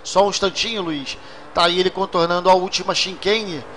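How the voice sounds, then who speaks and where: High-voiced Brazilian motorsport commentator, a man. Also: brisk, a bit bright. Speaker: motorsport commentator, lead race caller. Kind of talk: live race commentary. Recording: noisy, car engine noise behind.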